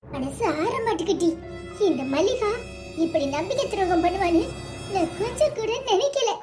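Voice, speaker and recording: A woman's voice: very high voice, lively intonation, moderate pace, music in the background. A woman voicing an anxious middle-aged village mother in a cartoon, lamenting in a Tirunelveli Tamil accent. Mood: fretful. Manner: fretful, lamenting.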